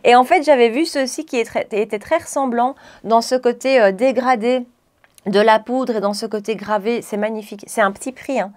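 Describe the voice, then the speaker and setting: A woman's voice: fairly high pitch, normal speed, darkish tone. A woman beauty vlogger chatting casually to camera, gushing and chatty, with frequent fillers.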